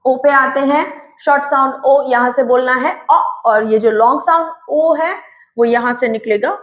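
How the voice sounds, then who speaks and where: Indian woman, high pitch, patient phonics teacher, dull echoey room. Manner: slow, careful drilling of word pairs. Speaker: English teacher. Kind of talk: phonics lesson.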